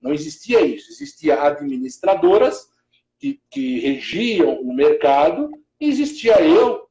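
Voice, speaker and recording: A man's voice: on the high side, sing-song, measured pace, warm tone, reverberant, muffled recording. A middle-aged man, a building manager, telling his career story in a casual interview, rambling with many restarts. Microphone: video call.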